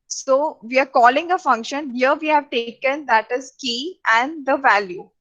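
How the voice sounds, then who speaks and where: Woman, programming lecturer, halting delivery full of fillers, slightly high voice, dull lo-fi recording. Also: a bit bright. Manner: halting, many fillers and restarts. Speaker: programming teacher. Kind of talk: lecture over slides.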